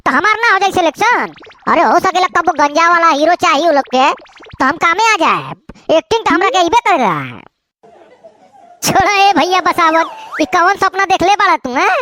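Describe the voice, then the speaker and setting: A cartoon voice actress with a Bhojpuri accent plays bickering village men and a fussy film director in a comedy cartoon, teasing, quarreling, and stammering through the lines. Her voice is very high, bright, and forceful, with lively intonation at a normal pace, exaggerated delivery, and a faint crowd behind it.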